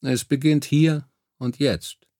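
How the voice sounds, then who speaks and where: A man doing a patient, deliberate male leader. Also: fairly low pitch, lively intonation, a little mellow, no room sound, studio quality. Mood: firm. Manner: measured, deliberate. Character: thoughtful, patient male leader, firm and rhetorical.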